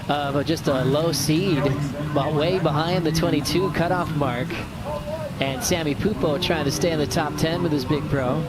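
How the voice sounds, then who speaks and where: A man giving live surf contest commentary in a laid-back announcer's delivery. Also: fairly high pitch. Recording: outdoor ambience, engine noise behind.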